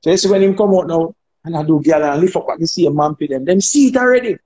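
A man with a Jamaican accent chatting on a phone livestream, telling animated stories, laughing and acting out dialogue. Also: on the high side, fast. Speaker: dancehall artist on a live stream. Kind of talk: casual chat on a livestream.

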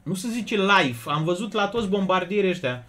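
A young man from Romania streaming slots live, chatting casually and loudly greeting viewers one after another. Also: high voice. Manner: loud, excitable, greets chatters rapidly. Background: music.

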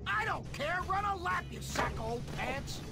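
An actor playing a gruff, bullying school gym coach in a video game, barking commands and insults. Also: male voice, very high-pitched, expressive, normal speed, over music, full character voice. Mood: angry, barking. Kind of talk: video game character acting.

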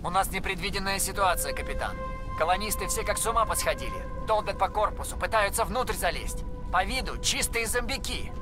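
Jumpy joking starship pilot over the radio, high voice, game music behind. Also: male voice, lively intonation, fairly quick. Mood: alarmed. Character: wisecracking young male starship pilot, jittery. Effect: radio transmission from the ship. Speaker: ship pilot calling the landing team.

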